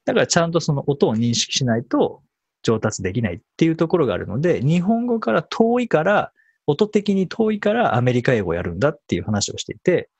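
Man, husky, animated intonation, relaxed interview guest recounting his learning. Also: on the high side, brisk, dry recording. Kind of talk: conversational interview.

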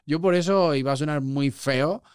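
A man's voice: fairly high pitch, moderate pace, clean tone, no echo, studio quality. A man, a podcast guest chatting casually and acting out the voices in his stories. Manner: animated storyteller, acts out quoted voices.

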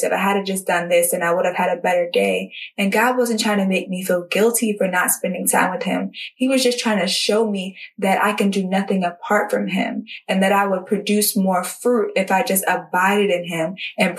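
A woman hosting a devotional podcast, talking earnestly and personally straight to her listeners. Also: mid-range voice. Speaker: podcast host. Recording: voice somewhat distant from the mic.

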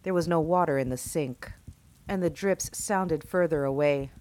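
A woman with a notably low voice narrates a first-person horror tale. Her delivery is slow and hushed, and it leans into suspense.

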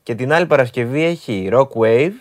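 A man who is a guest on a radio show, chatting casually and eagerly, often repeating his words. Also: mid-range voice. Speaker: studio guest. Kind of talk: casual chat.

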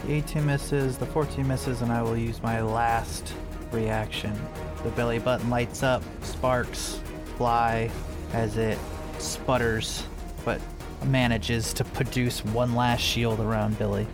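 A man's voice: medium pitch, level tone, slow pace, music in the background. A man casually narrating his character's actions and dice results as a player in a tabletop role-playing game.

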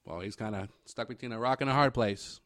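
A man hosting a casual sports podcast in a relaxed, matter-of-fact way. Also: on the low side, a little fast, no echo, studio quality. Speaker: podcast host.

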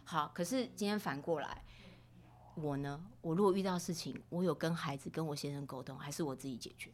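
Fast-talking middle-aged woman. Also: slight background noise. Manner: expressive, acts out quoted speech with rising pitch. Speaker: podcast guest, mother of two sons. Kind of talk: casual storytelling chat.

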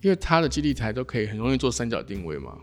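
A man's voice: medium pitch, wildly swooping pitch, very fast, soft background music. A man from Taiwan, a podcast host who muses aloud and sums up topics in a casual chat. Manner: musing, thinks aloud, wraps up topics.

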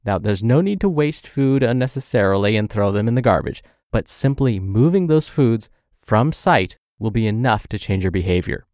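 Upbeat male advice host, lowish dry voice. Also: expressive, moderate pace, a little mellow, dry recording. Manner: instructive, addresses listener directly. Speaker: health show host. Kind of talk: scripted advice podcast narration.

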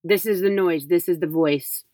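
A woman's voice: on the low side, moderate pace, warm tone, no echo. A middle-aged woman hosting a podcast, speaking in an emphatic, conversational motivational style with repetition and rhetorical questions. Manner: emphatic, repeats phrases for effect, rhetorical questions. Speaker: podcast host.

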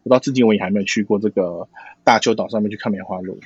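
A man explains things casually in Taiwanese-accented Mandarin. He talks quickly yet haltingly, doubling back on words, in a husky voice. The recording is dry and somewhat dull. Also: lowish voice, darkish tone, no echo. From Matsu, Taiwan. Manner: halting, repeats words and phrases.

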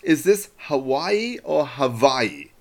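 A man voicing a stubborn, gloating middle-aged husband in a told story, pitched above his own voice. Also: expressive, brisk. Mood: pleading. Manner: insistent, gloating.

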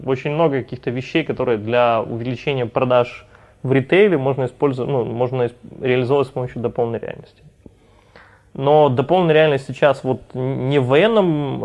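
A podcast interview features a man who founded and runs a company, talking loosely and rambling with frequent restarts and fillers. His voice sits at medium pitch with a darkish tone.

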